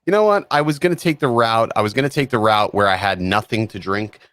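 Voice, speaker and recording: A man hosting a casual livestream chat, talking in a playful, rambling way with sudden loud exclamations. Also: fairly low pitch, fast talker, no echo. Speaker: streamer host. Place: home stream setup in Florida.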